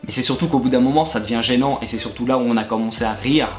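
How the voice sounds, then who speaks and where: With faint music playing in an echoey room, a man recounts crude, humorous tales from his days as a gym coach, speaking straight to viewers. His mid-range voice moves fast, and he frequently cracks up mid-story.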